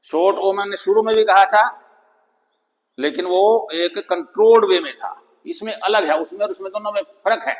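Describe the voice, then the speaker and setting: A man teaching a phonics lesson, speaking slowly and deliberately, reading English headings aloud. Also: high voice. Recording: long echoing reverb.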